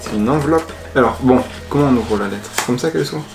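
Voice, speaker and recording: Excitable guy unboxing stuff, rambly, middle-pitched voice, roomy echo and music playing behind. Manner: excitable and rambling, many fillers and quick laughs. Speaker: YouTuber. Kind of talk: casual unboxing vlog. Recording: echoey room with music playing.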